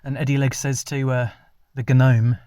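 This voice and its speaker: Male storyteller, deadpan ad-lib narration, mid pitch, dry close-miked sound. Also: moderate pace, dry recording. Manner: rambling, deadpan, many restarts. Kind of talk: ad-libbed comic storytelling.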